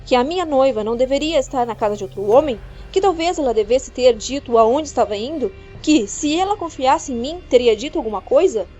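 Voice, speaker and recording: Woman doing a jealous young guy, accusing and insistent, mellow tone, faint music. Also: on the high side, fairly quick, hardly any pauses, muffled recording, close to an everyday voice. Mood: angry. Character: jealous young man confronting his fiancée. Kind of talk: audiobook character reading.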